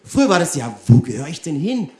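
A German man preaches a sermon in a fairly high, brisk voice that echoes with reverb. He is animated, talking right to his listeners and repeatedly posing rhetorical questions.

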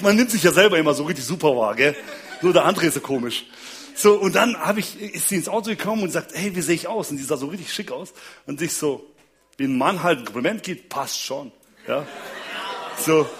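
A man with a high, slightly bright voice gives a humorous talk on marriage and relationships, sharing stories about his wife and kids. He keeps checking in with the audience as he goes and chuckles often.

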